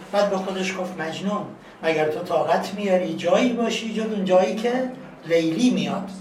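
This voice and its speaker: A man giving a lecture as a guest teacher, telling a story in an animated storyteller's manner. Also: high voice, slight background noise. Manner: animated storyteller, acts out voices. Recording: echoey room, distant mic, faint ambience.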